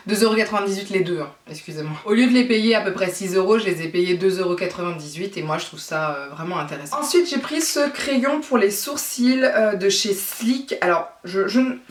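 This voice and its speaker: A woman's voice: mid-range voice, recorded from a distance. A woman beauty vlogger chatting enthusiastically about her purchases, rambling and correcting herself as she goes. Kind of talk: casual product haul chat. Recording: echoey room, voice away from the mic.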